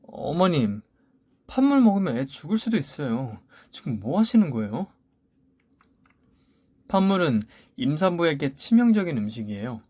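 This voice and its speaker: A man's voice: on the high side, sing-song, moderate pace, long pauses, dark tone, dry recording. A man voicing a young pregnant wife who protests with pleading, defiant words against her mother-in-law, in a story radio drama. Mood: indignant.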